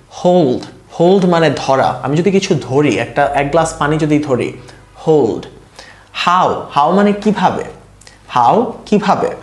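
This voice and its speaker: A man with a Bangladeshi accent teaching English vocabulary to Bengali speakers, repeating each word slowly and asking the listener to say it back. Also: a little high, reverberant.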